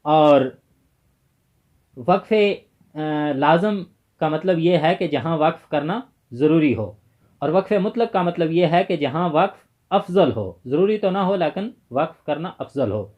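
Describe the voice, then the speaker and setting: A man's voice: a little high, lively intonation, darkish tone, dull audio. A man giving an exam-prep tajweed lesson, listing rules by number and defining each term with care. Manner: methodical, lists points by number and defines terms. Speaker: tajweed teacher.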